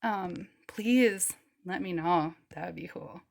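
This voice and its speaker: A woman's voice: fairly low pitch, slow, vocal fry. A woman vlogger chatting casually as she shows her beach finds, rambling and laid-back, and shrugging off her own mistakes. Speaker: rockhounding vlogger. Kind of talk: casual show-and-tell chat.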